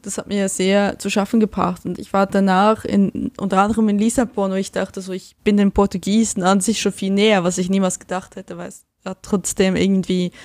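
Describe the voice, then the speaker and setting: A woman's voice: medium pitch, little pitch movement, fairly quick, hardly any pauses, a little mellow, no room sound, studio quality. A young woman, chatting as a guest and animatedly acting out the people she quotes. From Switzerland. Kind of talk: casual conversation.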